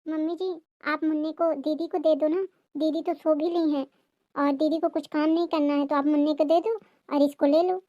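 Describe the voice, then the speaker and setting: Cartoon daughter-in-law, young mother, weary and pleading, voiced by a woman; high, dry sound. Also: fairly even intonation, normal speed, warm tone, no echo, highs cut off, natural voice. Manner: pleading, explaining. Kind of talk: cartoon family drama voicing.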